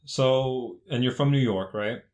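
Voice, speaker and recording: A man's voice: mid-range voice, unhurried, darkish tone. A man hosting a casual interview, asking easygoing questions with short affirmations in between. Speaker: interview host.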